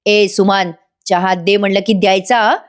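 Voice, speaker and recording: A woman's voice: medium pitch, fairly even intonation, moderate pace, lightly acted. A woman voicing a bossy, threatening husband in a retold serial scene, reading his lines mostly in her own voice. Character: bullying drunk husband Naagraj.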